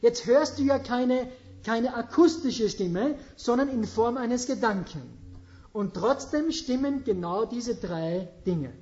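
A woman's voice: on the high side, slow pace, dark tone, lo-fi sound. A woman preaching a sermon, questioning her audience and stressing her points emphatically.

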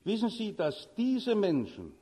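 A man preaching a sermon, emphatic, with his voice swinging from soft to shouting. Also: high-pitched, wildly swooping pitch, a little slow. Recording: long reverb of a large hall.

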